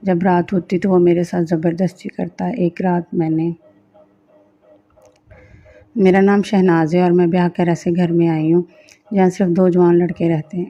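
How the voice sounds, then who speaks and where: A woman narrating a first-person dramatic story in a slow, steady reading. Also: fairly low pitch. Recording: dull lo-fi recording.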